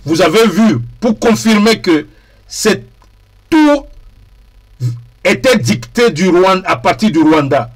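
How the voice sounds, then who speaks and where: A man speaking in a deliberate, emphatic way and repeating key phrases for weight, as a TV political commentator. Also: sits high, lively intonation. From DR Congo.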